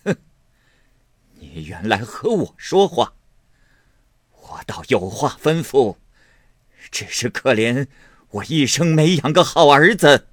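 A furious old grandmother, stern and sneering, her voice climbing high and loud as she scolds her grown son, as a male storyteller puts her on. The delivery is dry and close, with lively swings in pitch. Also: takes it slowly, pauses often, no echo. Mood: angry scolding.

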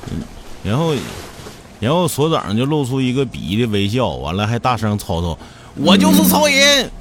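A man voicing a deadpan, wisecracking assistant in a fan audio drama. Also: lowish voice, normal speed, slight background noise, close to an everyday voice.

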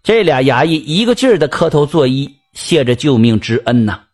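Male storyteller, Northeastern Mandarin accent, folksy chatty folk-tale telling, slightly high voice. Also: big pitch swings, a little fast, a little mellow. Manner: chatty, folksy asides to the listener.

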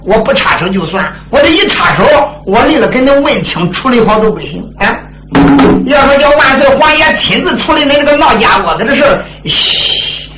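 A man voicing a shrewd, jovial old duke who scolds a prince in a drum-ballad story, teasing him with laughs and shouts. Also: extremely high pitch, slight background noise, exaggerated voice. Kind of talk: drum-ballad storytelling with spoken role-play. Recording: roomy, loud instrumental accompaniment.

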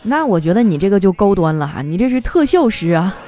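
A woman's voice: mid-range voice, quick pace. A woman hosting a comedy podcast, reading out listeners' jokes with frequent laughter. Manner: laughs often while reading, lively. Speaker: host reading joke submissions. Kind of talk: comic storytelling podcast.

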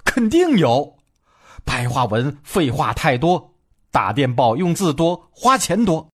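A man's voice: a little high, big pitch swings, takes it slowly, fairly bright tone, breathy edge, pitched above the performer's own voice, heavily acted. A man voicing an angry young male student who challenges his teacher indignantly.

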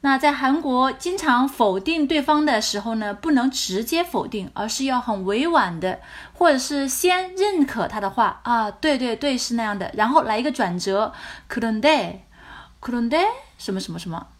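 Woman teacher going over drama lines, kinda high voice, talks fast, patient. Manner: patient, animated explanations, mixing two languages. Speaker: language teacher. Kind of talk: explaining a drama scene line by line.

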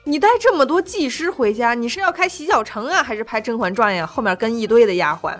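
A woman playing a sassy, sharp-tongued young doctor in an exaggerated comedy sketch, scolding theatrically. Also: a little high, animated, fast, natural voice. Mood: mocking, lecturing. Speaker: show host. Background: background music.

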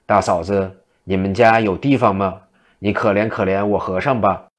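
A man's voice: lowish voice, steady tone, moderate pace, close to an everyday voice. A man voicing a playful, eccentric male monk who talks in a teasing, mock-timid way.

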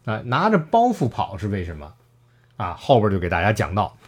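Man, casual storytelling, animated pitch, plays the characters' lines. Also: brisk, slightly rough. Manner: lively, acts out characters' lines, laughs often. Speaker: storyteller retelling a classic novel.

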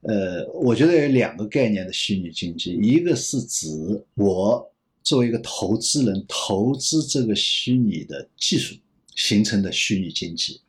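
一位男性银行业专家在访谈中回答问题，说话边想边讲，常重复词句。. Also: male voice, lowish voice, lively intonation, moderate pace. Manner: rambling, repeats phrases while reasoning aloud. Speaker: banking expert guest. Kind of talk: thoughtful interview answers.

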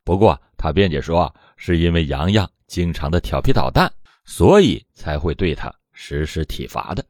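A man's voice: sits low, sing-song, moderate pace, a little mellow, no room sound, clean studio sound. A man hosting a true crime storytelling show, narrating a court case from a script with dramatic emphasis at the start of phrases.

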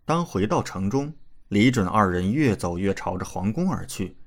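A man narrating a web novel audiobook in an expressive storytelling manner. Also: lowish voice, normal speed.

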